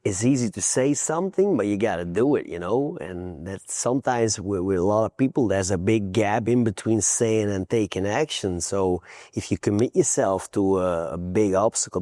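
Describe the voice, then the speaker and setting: A low-pitched man, speaking as a guest coach on a podcast. He talks in an earnest, plain-spoken way and restarts his sentences often. The recording is close and dry, with no room sound. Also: warm tone, dry recording. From Belgium. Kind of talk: reflective interview answers.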